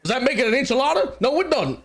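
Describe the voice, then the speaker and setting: A man's voice: very high voice, sing-song, fast, voice pushed up, heavily acted. A man voicing a hot-headed male chili cook who argues in a heated folksy drawl.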